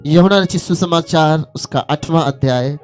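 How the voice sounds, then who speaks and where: A man's voice: on the high side, moderate pace, faint music behind. A male pastor preaching a sermon and urging his congregation on with rhythmic, repeated calls.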